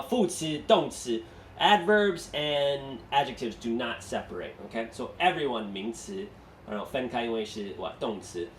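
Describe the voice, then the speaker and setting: In an echoey room with a distant microphone, a man with a mid-range voice leads an English lesson, walking through it step by step and putting questions to students in both English and Mandarin. A faint hiss or hum runs underneath.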